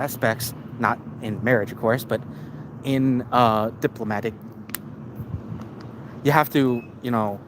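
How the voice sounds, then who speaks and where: A man hosting a casual live-stream rant at a middling pitch, swearing freely and restarting his sentences again and again. The audio is noisy, with traffic and street sounds behind him. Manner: rambling, profane, with many restarts.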